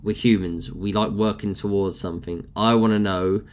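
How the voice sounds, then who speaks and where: A man's voice: fairly low pitch, fairly even intonation, normal speed, slight background noise. A young man with a nasal voice, hosting a casual motivational rant and speaking bluntly with frequent swearing. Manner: blunt, swears freely, chatty. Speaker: podcast host.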